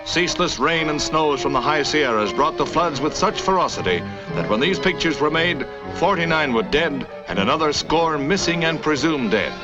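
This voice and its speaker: A man's voice: on the high side, expressive, normal speed. A man narrating an old newsreel in a dramatic, declamatory style. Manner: urgent, declamatory delivery. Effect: old newsreel soundtrack. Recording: dull lo-fi old newsreel sound with music under it.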